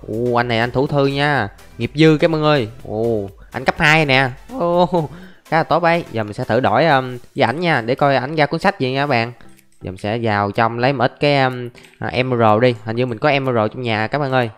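Here a young man speaks at a normal pace and medium pitch, his tone clear, resonant and fairly bright. He's a gaming YouTuber giving casual Let's Play commentary, narrating each step and calling out to viewers, with faint music audible behind him.

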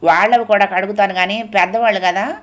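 A woman's voice: mid-range voice, steady tone, fast, natural voice. A woman voicing a helpful young maid who speaks eagerly and respectfully. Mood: obliging.

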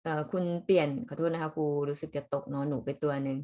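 Thai-accented woman language teacher, low voice, chatty classroom explainer. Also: fairly even intonation, fast talker, mellow. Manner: chatty, frequent polite sentence endings. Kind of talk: explaining dialogue phrases to students.

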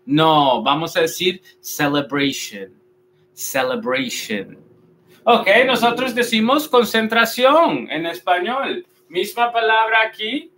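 A male language teacher with a bright, fairly high voice. He talks at an unhurried pace, stressing and repeating each word so learners can copy it. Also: big pitch swings. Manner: patient, repeats each word slowly and with emphasis. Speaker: English pronunciation teacher. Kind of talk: explaining pronunciation in a video lesson.

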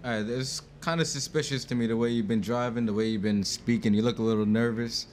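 A man's voice: mid-range voice, steady tone, fast, a little mellow, a little hiss or hum. A man roleplaying a police officer, speaking in formal, polite cop patter. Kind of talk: in-character roleplay.

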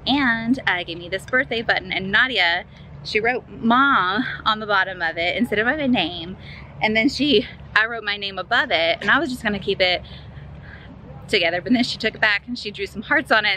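A woman in her thirties, a mom, casually vlogs while touring a resort outdoors and an indoor arcade, filming herself at arm's length on a phone or camera. Her mid-range voice has a sharp tone, and she's chatty and upbeat, pointing things out like a tour guide. The recording is low quality with a bit of hiss or hum.

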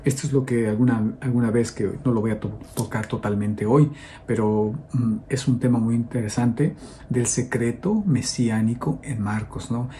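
Male priest, very warm dark tone, conversational homily with fillers, faint noise behind. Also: mid-range voice, fairly even intonation, moderate pace. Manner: conversational, frequent fillers and checks with the listeners. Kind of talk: homily on the Sunday gospel.

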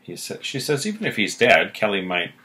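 A man co-hosting a podcast, casually recapping episodes with relaxed pauses. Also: on the low side. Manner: relaxed, recounting plot with pauses. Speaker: podcast co-host.

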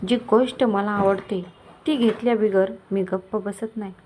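A woman's voice: mid-range voice, steady tone, moderate pace, darkish tone, a little hiss or hum, natural voice. A woman voicing a scheming, lecherous middle-aged village moneylender who talks in a coaxing, menacing way. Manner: coaxing, menacing, falsely kind.

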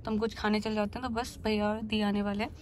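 A woman's voice: mid-range voice, little pitch movement, fast, noisy background. A young woman in her twenties, talking casually to her phone camera from inside a car, chatty and mixing in English words. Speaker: vlogger. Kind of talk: casual vlog narration. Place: inside a parked car by day. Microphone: phone held at arm's length.

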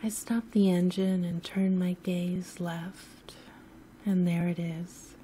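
Very slow, hushed woman sleep story narrator. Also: on the low side, flat delivery, a little hiss or hum. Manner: hushed, soothing sleep story narrator, often near a whisper. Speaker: host and narrator of sleep stories. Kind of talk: soft-spoken scripted sleep story narration.

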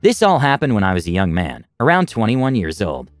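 A man narrating reddit stories aloud in a lively storytelling manner. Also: a little fast, dry recording, faint music behind. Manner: lively storytelling with big pitch swings.

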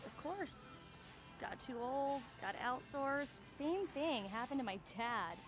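Snide young store clerk, slightly high voice, music behind. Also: female voice, expressive, slow. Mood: condescending. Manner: condescending. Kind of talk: video game dialogue.

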